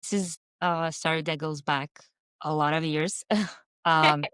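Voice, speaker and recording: Low, clear-voiced Brazilian woman, 30s; relaxed interview guest with easy fillers. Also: unhurried, dry recording. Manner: conversational, friendly, with fillers and small restarts. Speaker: podcast guest, engineer. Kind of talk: casual podcast interview.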